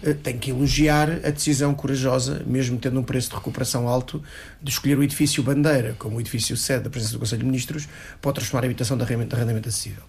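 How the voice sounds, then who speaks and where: A man with a European Portuguese accent argues insistently as a local politician on a panel, speaking fast, restarting often and repeating words to push his point. His medium-pitched voice is gravelly, steady and darkish, with slight background noise.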